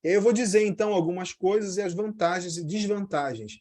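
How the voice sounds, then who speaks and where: Man teaching English words, fairly high voice. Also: a little mellow. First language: Portuguese. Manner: explains in Portuguese, says English words slowly and repeats them. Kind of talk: casual spoken lesson.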